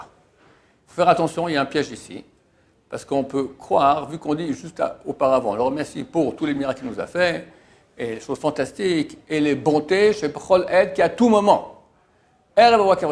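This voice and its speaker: Male rabbi, fairly high voice, methodical line-by-line prayer teaching with stressed key words. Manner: translates Hebrew phrase by phrase, stressing key words. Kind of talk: religious lesson, line-by-line translation.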